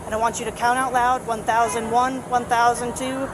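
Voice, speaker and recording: A woman's voice: a little high, level tone, fairly quick. A woman police officer giving roadside test instructions in a patient but firm, procedural way, recorded on a body camera outdoors. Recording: noisy outdoor bodycam, traffic around.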